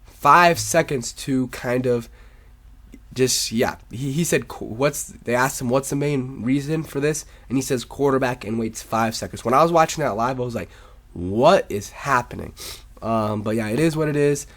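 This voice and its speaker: Male sports vlogger, stuffed-up and sick with a sore throat, informal opinionated commentary, mid-pitched. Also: moderate pace, a bit bright. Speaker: sports video host.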